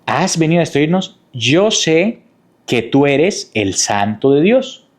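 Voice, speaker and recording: A man voicing an evil spirit that speaks through a possessed man, shouting menacing questions in a raised voice. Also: a little high, very animated, slow pace. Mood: defiant.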